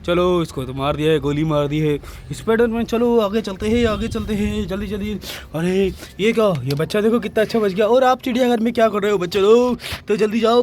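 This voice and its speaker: A high-voiced man narrates a toy adventure for young children. He talks eagerly and repeats words over and over, calling out to the kids again and again, with a faint room ambience behind him. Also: a little mellow, slight background noise. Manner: eager, repetitive, addresses children constantly.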